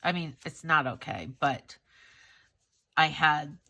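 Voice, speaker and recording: A congested woman talks through her monthly budget in a relaxed, unhurried vlog. Her voice is fairly low yet bright and forward, and her stuffy nose comes through. She sounds candid and self-critical, with plenty of fillers and restarts. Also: creaky. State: congested from a cold. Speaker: budgeting vlogger.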